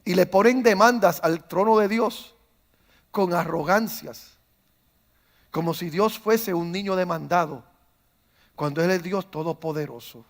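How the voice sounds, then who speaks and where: A man with a high, ringing voice preaches a sermon to his congregation. He tells stories and acts out the voices in them, and he moves from calm to loud, fervent preaching. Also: a little slow, long pauses. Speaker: pastor. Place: church.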